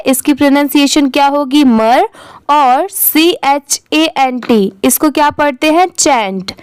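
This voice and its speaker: A young woman teaches English reading in a high, unhurried voice. She spells each word out letter by letter, then asks and answers her own question about how it is said. The sound is close and dry. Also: no room sound.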